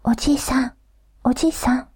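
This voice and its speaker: Woman whispering as a devoted young man, earnest, pleading, slightly raised whisper, breathy, storybook. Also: high-pitched, steady tone, fairly quick, warm tone, no room sound, clean studio sound.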